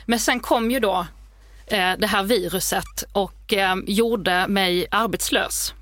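A woman comedian with a mild Scanian accent, casually teasing in quick banter as a podcast co-host. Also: mid-range voice, a bit bright. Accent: Scanian Swedish, mild. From Skåne, Sweden.

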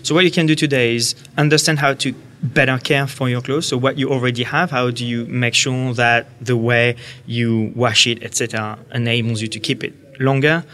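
Podcast guest: man, French accent, measured and earnest, mid-range pitch. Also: bright, forceful tone. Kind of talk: podcast interview.

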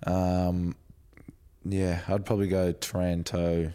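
A man's voice: low voice, level tone, slow pace, dark tone, clear, resonant tone. An Australian man co-hosting a sports podcast, chatting casually in laid-back, blokey Aussie slang. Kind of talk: casual footy podcast chat.

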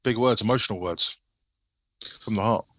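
A man's voice: fairly low pitch, normal speed, fairly bright tone, no room sound. A British man in casual, sweary football chat, putting points and questions to fellow fans. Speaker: football fan podcast panellist putting questions.

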